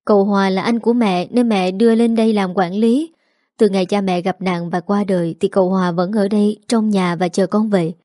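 A woman voicing a polite, gentle young woman in a story reading. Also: mid-range voice, fairly even intonation, a little fast, dry recording, studio quality, close to an everyday voice.

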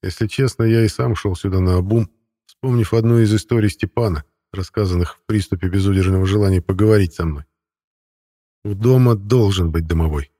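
A man's voice: deep voice, brisk, dark tone, dry recording, studio quality. A man reading a first-person audiobook narration in a wry, ironic storytelling manner.

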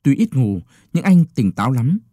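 A man's voice: sing-song, moderate pace, mellow, no room sound, studio quality. A man reading a literary story aloud, raising his voice to play each character. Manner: voices the characters with raised pitch. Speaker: narrator.

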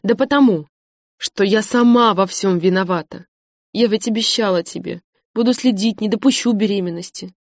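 A heartbroken, stubborn young woman pours out her feelings in an audiobook , as a woman narrator puts her on. Her low-pitched voice swells emotionally and pleads. The recording is close and dry. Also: moderate pace, darkish tone, dry recording. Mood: upset, pleading. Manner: emotional, pleading, rising to outbursts.

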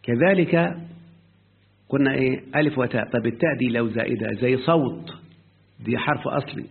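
Medium in pitch, gravelly and husky, this man's voice carries an Egyptian Arabic accent as he teaches grammar. Frequent quizzing of his student punctuates his explanation, and he stretches his quotations, all over a tinny, lo-fi phone-like line.

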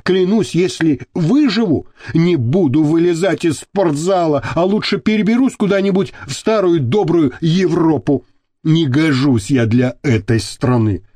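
A man's voice: fairly high pitch, animated, measured pace, dark tone, no room sound, studio quality. A man reading a frightened, whiny businessman in an audiobook, whimpering and plaintive. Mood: desperate.

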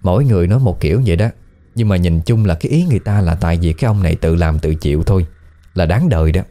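With faint music behind him, a low-pitched man talks fast as he spins a ghost story. He has a Southern Vietnamese accent, and his telling is casual, colloquial, and lively, like a conversation.

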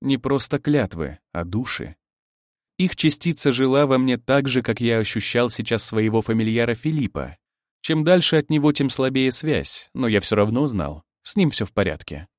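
A man narrating a story in first person, telling it expressively and lively. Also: medium pitch, moderate pace, no room sound, studio quality. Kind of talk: audiobook narration.

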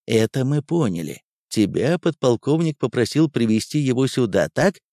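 A man voicing a calm, shrewd male army lieutenant who speaks softly and persuasively. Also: mid-range voice, moderate pace, no room sound, studio quality, natural voice. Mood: coaxing.

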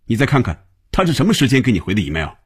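A man's voice: lowish voice, sing-song, moderate pace, a little mellow, slightly rough. A man voicing an impatient male office manager who scolds and lectures in an audiobook.

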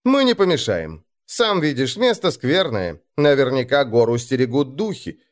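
A man's voice: medium pitch, sing-song, normal speed, close to an everyday voice. Man doing a sly purring Viking. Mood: sly coaxing. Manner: purring, wheedling. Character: sly male Viking warrior, ingratiating and mocking.

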